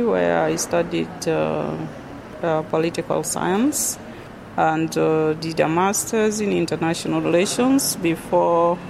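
A middle-aged Kenyan woman with a Kenyan accent, answering interview questions thoughtfully as a university lecturer, with many pauses and fillers. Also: fairly low pitch, vocal fry, noisy background.

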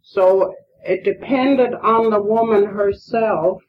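A woman in an old oral history interview, answering slowly and haltingly while she searches for words, heard on old worn 1970s tape. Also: mid-range voice. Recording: dull hissy worn cassette tape.

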